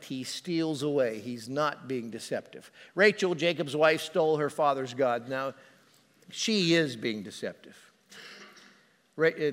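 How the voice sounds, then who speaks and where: A man's voice: medium pitch, a bit bright, long reverb tail. A male pastor preaching a sermon in a conversational, storytelling manner.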